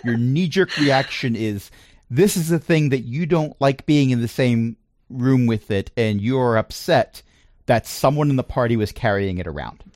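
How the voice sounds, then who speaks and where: A man of average pitch acts as game master, explaining lore and rules. His intonation is very varied and he places emphasis with care, recorded dry and close. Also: animated, moderate pace, darkish tone, no room sound. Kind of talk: tabletop game narration and rulings.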